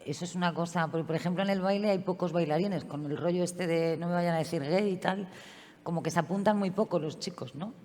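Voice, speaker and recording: Woman, 50s, colloquial and chatty panel talk, lowish voice, long reverb. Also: fairly quick. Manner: colloquial, lively storytelling. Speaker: panelist and former ballet director. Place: museum venue at a political convention.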